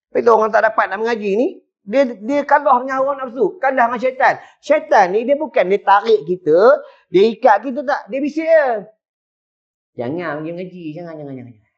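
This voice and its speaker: A male preacher with a Malaysian Malay accent gives a lively, humorous religious lecture in a mosque hall. He keeps checking in with his listeners as he talks. His voice is high, and the lo-fi recording sounds dull. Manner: chatty, tags lines with questions to the crowd.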